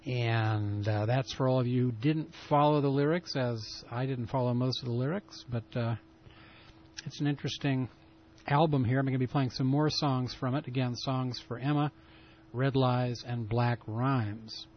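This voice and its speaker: A man's voice: mid-range voice, steady tone, moderate pace. A man hosting a pirate radio broadcast in casual, rambling talk full of fillers, with a lo-fi broadcast sound. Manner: rambling, loose delivery with many fillers. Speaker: radio show host.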